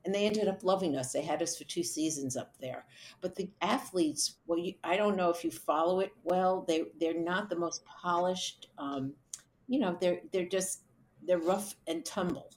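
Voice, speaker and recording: A middle-aged woman with a slightly low voice talks through her working life as an interview guest. She is chatty and relaxed, tells stories and laughs easily between points. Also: normal speed. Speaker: event producer, guest. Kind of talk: conversational interview answers.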